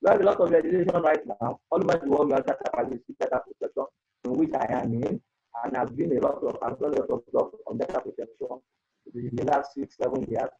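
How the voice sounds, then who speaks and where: Over a breaking online conference call, a data protection webinar panelist on an earphone mic talks fast, earnest and advising, repeating himself. His medium-pitched voice is dark and slightly rough with vocal fry, and the highs are cut off.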